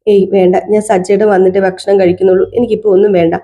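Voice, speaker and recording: A woman's voice: medium pitch, level tone, quick pace, warm tone, natural voice. A woman retelling a serial voices a young wife who pleads, upset over her missing husband. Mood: distressed.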